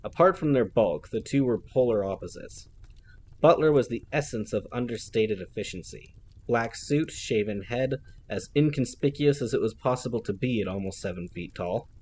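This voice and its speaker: A man reading a novel aloud in an even storytelling manner. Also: medium pitch, moderate pace, slight background noise. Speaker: audiobook reader.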